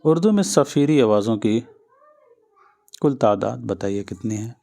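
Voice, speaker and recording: A man's voice: medium pitch, lively intonation, creaky, mellow. A male teacher giving an exam-prep lesson, patiently repeating each answer and speaking straight to his students.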